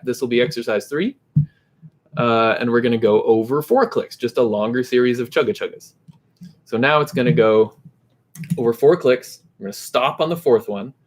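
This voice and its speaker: A man's voice: medium pitch, normal speed. Man teaching guitar, chanting rhythm syllables. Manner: relaxed, chants rhythm syllables to demonstrate tempo. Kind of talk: casual instructional talk. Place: home room. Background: faint metronome clicks and guitar.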